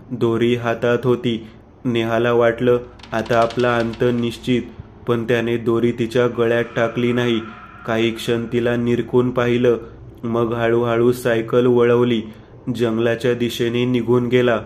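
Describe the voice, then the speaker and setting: A man narrating a scripted horror story in an even, steady delivery. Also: medium pitch, a little hiss or hum. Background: faint music.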